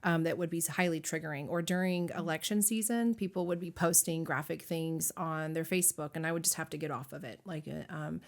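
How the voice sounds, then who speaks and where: A woman sharing her personal faith testimony as a guest, talking earnestly and haltingly, with many restarts and fillers. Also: deep voice, steady tone. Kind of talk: candid faith interview.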